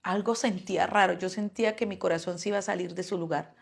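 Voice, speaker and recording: A woman's voice: on the low side, fairly even intonation, quick pace, gravelly, husky. A mother earnestly recounting a personal story, acting out what each person said. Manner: earnest, acts out quoted dialogue. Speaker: mother telling her own story.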